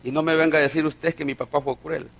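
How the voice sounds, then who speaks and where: A man preaching a sermon as a pastor, telling a story and swinging between loud and hushed delivery. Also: fairly high pitch, little pitch movement, quick pace, vocal fry.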